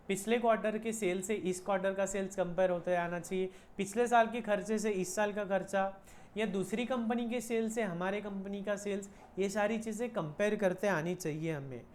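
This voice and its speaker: A woman commerce teacher talks through an online accounting lesson. She mixes Hindi with Indian-accented English and repeats key points. Her voice sits at a middle pitch. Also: a little mellow, slight background noise. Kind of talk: online lecture.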